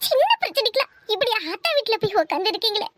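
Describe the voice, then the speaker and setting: Voicing a cartoon character, a woman portrays a young married woman who is scheming and bossy, using a Kanyakumari Tamil accent. The very high-pitched, expressive delivery comes with some background noise, full of scolding and rapid talk.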